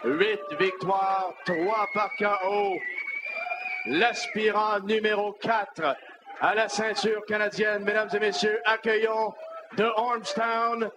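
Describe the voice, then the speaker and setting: Give the ring a Quebec French man with a high voice, hyping fighters as a formal announcer. He draws out names slowly and showily over clear live noise. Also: steady tone. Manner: showy fight-announcer hype, drawn-out names. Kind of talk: formal boxing ring introductions. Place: boxing event in a club. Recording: noisy live boxing hall.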